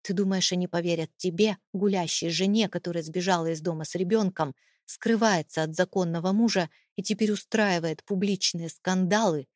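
A woman's voice: fairly low pitch, steady tone, moderate pace, few pauses, darkish tone, no room sound, studio quality, close to an everyday voice. Woman voicing an icy, mocking husband. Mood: cold menace. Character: cold, contemptuous, domineering husband, adult man. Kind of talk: audiobook character reading.

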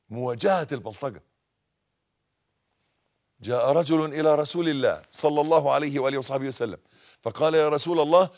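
A male preacher with an Egyptian Arabic accent delivers a televised sermon in everyday colloquial speech. His voice sits at a middle pitch for a man and swings between loud, fervent exhortation and quiet, low asides. He has the crowd call their blessings back to him. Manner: leads the audience in call-and-response blessings.

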